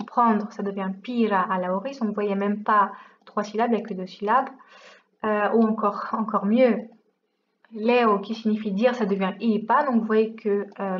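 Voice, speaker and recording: A woman's voice: mid-range voice, dull audio, slight background noise. A woman teaching a language lesson in a casual, chatty way, explaining step by step and asking herself rhetorical questions.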